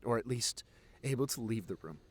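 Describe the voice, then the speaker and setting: In an intimate audio roleplay, a man plays a sincere, protective young boyfriend, earnestly rambling with halting repeats and pauses. His medium-pitched voice is slightly rough, with lively intonation and an earnest, reassuring mood.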